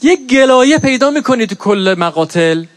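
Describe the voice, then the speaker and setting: A man's voice: very high voice, animated, no echo. A middle-aged man preaching a mourning sermon, telling stories and rising into an impassioned, lamenting chant of recited verses.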